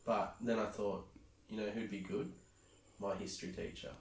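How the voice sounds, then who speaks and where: A man's voice: on the low side, steady tone, moderate pace, roomy sound, far from the mic, slight background noise. A man chatting as a podcast guest, laid-back with short agreeing replies. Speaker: podcast guest, friend of host. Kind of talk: casual chat.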